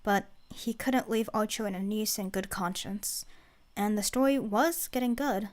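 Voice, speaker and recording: A woman's voice: medium pitch, steady tone, moderate pace. A woman reading fiction aloud as a narrator, in a dramatic scripted narration style.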